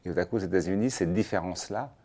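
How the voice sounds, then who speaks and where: A man's voice: deep voice, fast talker, warm tone. A man hosting an interview, asking long, rambling questions that he rephrases as he goes. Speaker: interview host. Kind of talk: conversational interview.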